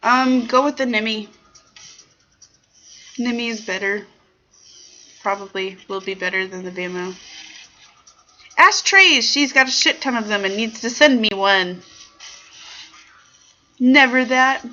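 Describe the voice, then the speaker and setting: Playful bright-voiced woman streamer. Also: on the high side, a little slow, pauses often. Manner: rambling, playful and sassy, greets chat viewers. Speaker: livestream show host. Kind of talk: casual chat reading viewer comments. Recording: dull lo-fi stream audio with faint background music.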